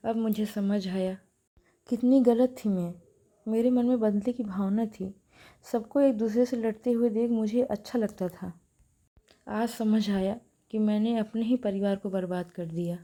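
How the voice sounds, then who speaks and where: A woman's voice: mid-range voice, fairly even intonation, unhurried, warm tone, close to an everyday voice. A woman voicing a daughter-in-law confessing her scheming with self-reproach. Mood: regretful.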